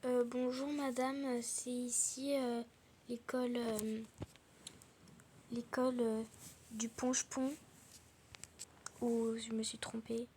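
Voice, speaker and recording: A woman's voice: on the high side, little pitch movement, slow pace, pauses often, dark tone, slight background noise, poor audio. A girl voicing a shy new schoolgirl. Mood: polite. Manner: polite, hesitant, stumbling over words.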